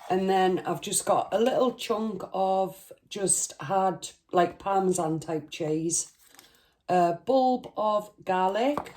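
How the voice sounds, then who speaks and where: A British woman with a fairly low voice talks at a slow, hesitant pace, as if chatting to viewers of her cooking channel. She sounds under the weather, with a sore throat, a congested chest and short breath. Her delivery is informal and rambling. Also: a little mellow, a little hiss or hum. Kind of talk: casual chat to viewers.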